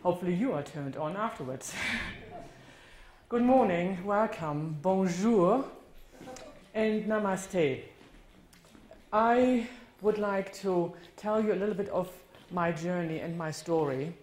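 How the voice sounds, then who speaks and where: A woman from northern Germany with a German accent gives a personal testimony talk as a guest speaker in a church hall, telling her life story candidly and reflectively and correcting herself now and then. Her voice is on the low side and darkish, and she takes it slowly. The sound carries the roominess of the hall.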